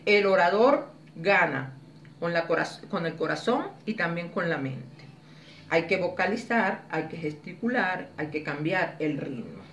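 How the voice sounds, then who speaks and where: A woman leading a public speaking workshop, explaining exercises clearly and demonstrating intonation with lively expression. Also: on the low side, a little slow, slight background noise. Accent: Spanish. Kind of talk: teaching a workshop. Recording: echoey room, voice from a distance.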